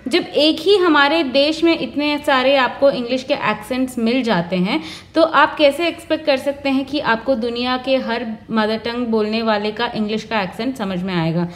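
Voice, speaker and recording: A woman with a high voice explains interview tips in an earnest, emphatic way. She talks like a presenter giving career advice and drops English terms into her sentences. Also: normal speed.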